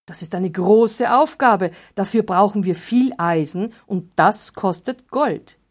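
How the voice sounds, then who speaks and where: A woman's voice: medium pitch, slow pace. A woman voicing a hesitant, defensive village blacksmith in a read-aloud fairy tale. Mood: justifying. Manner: hesitant, justifying himself.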